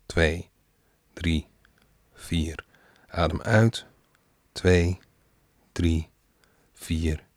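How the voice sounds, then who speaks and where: A man guiding a breathing exercise in a calm manner, counting slowly and trailing off softly. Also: low-pitched, no echo, studio quality.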